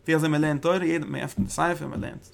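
A man's voice: a little high, steady tone, quick pace, vocal fry, slight background noise. A man giving a religious study lecture, breaking into emphatic bursts and often repeating and restarting his phrases. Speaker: Torah teacher.

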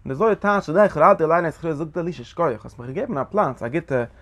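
A man teaching a Zohar lesson in an animated lecturing way, often asking his listeners short questions. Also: on the high side, rapid-fire. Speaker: Torah teacher.

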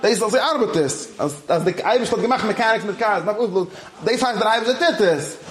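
A man's voice: high-pitched, expressive, a little fast, a little hiss or hum. Man teaching in an echoey room. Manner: switches between Yiddish and English, often checks in with listeners. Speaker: religious teacher. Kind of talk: informal religious lecture.

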